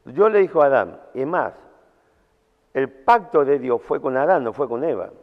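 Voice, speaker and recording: Rioplatense preacher, slangy, tinny hall. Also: male voice, medium pitch, sing-song, moderate pace. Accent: Rioplatense Spanish. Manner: colloquial, storytelling, slangy. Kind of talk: sermon at a camp. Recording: tinny sound in a reverberant hall.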